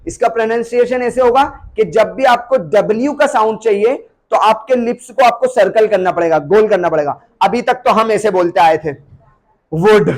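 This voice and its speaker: A man teaching English pronunciation in a classroom, speaking with an Indian English accent and repeating each sound many times for his students. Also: high voice.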